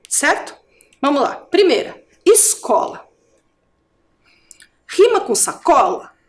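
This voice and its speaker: A Brazilian woman teacher giving a recorded video lesson for adults. She talks in a sing-song way, stretches out words to show rhymes, and keeps checking in with "certo?" and "ok?". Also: high-pitched. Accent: Brazilian Portuguese.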